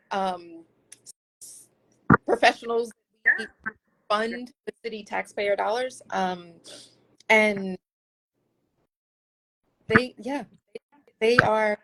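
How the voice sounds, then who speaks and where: A woman speaking as a guest researcher in a casual interview, earnest and thoughtful, often pausing and restarting her sentences. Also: mid-range voice, a bit bright, no echo, rough recording.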